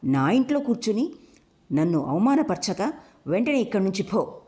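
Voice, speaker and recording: A woman narrator voicing a proud, wounded young woman who lashes out with sharp, scornful outbursts in an audiobook. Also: medium pitch, very animated, normal speed, pitched above the performer's own voice, lightly acted. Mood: indignant. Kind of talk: audiobook character voice.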